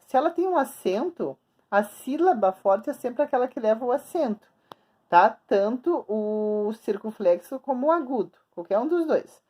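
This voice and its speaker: A woman's voice: on the high side, mellow. Patient woman teacher spelling out syllables. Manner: patient, repeats and stretches words slowly for young pupils. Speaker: schoolteacher. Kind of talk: remote grammar lesson for children. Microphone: recording at a screen, writing on the board while talking.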